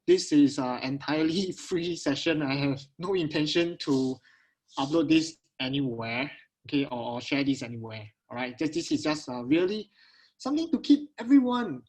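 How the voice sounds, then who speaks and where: A man's voice: mid-range voice, low-quality recording. A man with a Singaporean accent hosting a casual live online webinar in Singlish, repeating phrases and often checking in with his listeners. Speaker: investment webinar host. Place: at home on a video call.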